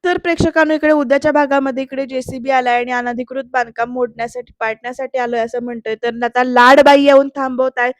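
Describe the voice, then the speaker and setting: High-voiced woman chatting through an episode recap. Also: level tone, fast, hardly any pauses, dry recording. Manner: chatty, keeps addressing viewers directly. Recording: dull, lo-fi, dry sound.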